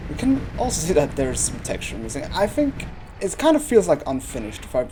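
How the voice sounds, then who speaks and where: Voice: medium pitch, background noise. A let's play commentator talking through a game casually, wry and informal, often thinking aloud.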